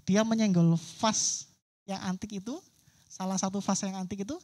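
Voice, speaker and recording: A woman's voice: mid-range voice, steady tone, normal speed, mellow. Woman preacher at a church service, vivid storyteller who acts out her characters' voices. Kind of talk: sermon storytelling.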